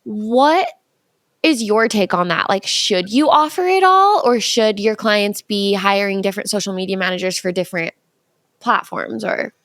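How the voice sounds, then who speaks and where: A woman hosts a casual podcast chat in a mid-range voice. She talks in quick chatty bursts and agrees readily with her guest. The sound is dry and close with no room echo. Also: medium pitch, a bit bright. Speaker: podcast host.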